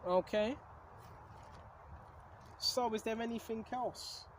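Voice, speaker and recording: A man's voice: very high voice, slow pace, a little hiss or hum. A man giving a rambling casual sermon to his video audience, full of rhetorical questions and repeated "right?", hiccuping now and then. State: has hiccups. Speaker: religious video host. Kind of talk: casual preaching monologue.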